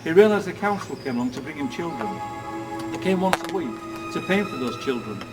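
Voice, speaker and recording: A man's voice: fairly high pitch, very animated, a little fast. A man working as a ghost walk guide, telling grim stories theatrically in short, emphatic, projected phrases outdoors. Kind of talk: theatrical ghost-story storytelling to a tour group. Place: outdoors in a city street. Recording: distant outdoor microphone, music behind.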